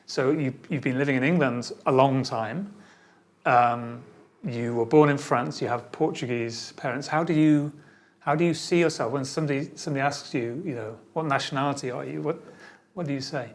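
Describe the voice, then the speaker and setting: A man's voice: mid-range voice, moderate pace. A man hosting an interview podcast, asking thoughtful, curious questions. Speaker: podcast host.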